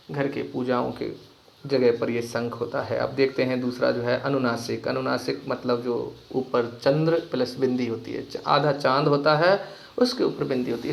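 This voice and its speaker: A man teaching a grammar lesson to children, asking them questions and repeating key words slowly. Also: medium pitch, vocal fry, a little hiss or hum. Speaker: Hindi teacher. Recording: echoey room.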